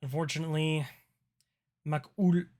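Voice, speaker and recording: A man narrating a tabletop roleplaying game as game master in a casual, halting way. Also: fairly high pitch, fairly even intonation, a little mellow.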